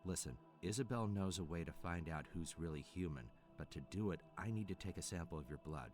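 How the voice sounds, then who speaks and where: Man acting a deep-voiced, steady game survivor. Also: brisk, soft background music, lightly acted. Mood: calm, firm. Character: Dean, calm firm male survivor taking charge.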